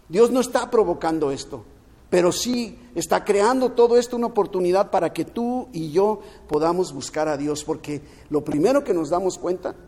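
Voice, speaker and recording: Man preaching a sermon, fairly high voice, earnest, keeps repeating himself, long reverb. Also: a little mellow. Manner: earnest, repeats words and restarts often. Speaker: pastor. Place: at home, streamed during lockdown.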